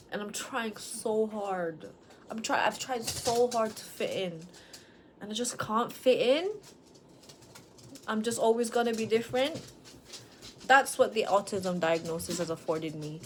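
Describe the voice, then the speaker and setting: Woman, late twenties, frank rambling home vlog, faint hiss behind. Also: medium pitch. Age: late 20s. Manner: frank, rambling, self-questioning. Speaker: vlogger. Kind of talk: candid personal vlog. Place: at home with dogs.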